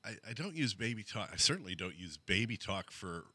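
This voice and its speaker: A man co-hosting a casual podcast who hesitates and often starts his sentences over. His voice is very bright and tense, with lively swings in pitch. The close mic leaves his voice dry. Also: a little fast, slightly rough, dry recording. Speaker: co-host.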